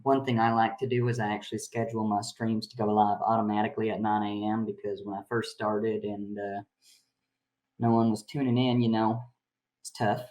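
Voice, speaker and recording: A man playing an awkward, earnest young streamer, halting and polite, in a found-footage film. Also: fairly low pitch, darkish tone, natural voice, rough recording. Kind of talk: acted livestream and phone talk in a found-footage film. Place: small bedroom.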